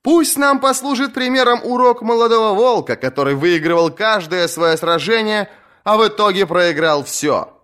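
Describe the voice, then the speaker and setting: A man's voice: high voice, moderate pace, a bit bright, voice pushed up. A man voicing a fierce young female sea captain who taunts her rivals, in an audiobook reading. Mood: defiant mocking. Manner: mocking, taunting, commanding.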